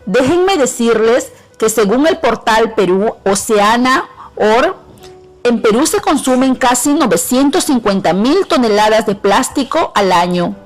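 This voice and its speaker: Measured Peruvian teacher, lively pitch. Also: female voice, faint music behind, poor audio. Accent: Peruvian Spanish. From Peru. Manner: clear, measured instruction to students. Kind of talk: scripted educational radio lesson.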